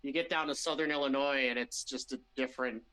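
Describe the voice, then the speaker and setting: A man's voice: mid-range voice, steady tone, fast talker, pushed and bright, smooth, poor audio. A man with a Midwestern American accent, a band member chatting casually in an interview, rambling with restarts and easy laughs.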